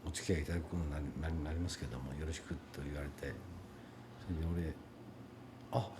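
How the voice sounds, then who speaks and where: A man's voice: very deep voice, steady tone, racing, background noise. A male actor giving reflective, hesitant interview answers with many fillers. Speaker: actor interviewed about his film.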